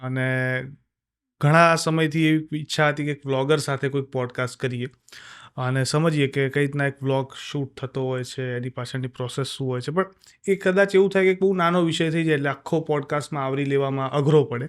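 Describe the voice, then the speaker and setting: A man hosting a podcast who introduces his guest in a measured, formal way. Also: mid-range voice, steady tone, clean tone. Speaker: podcast host.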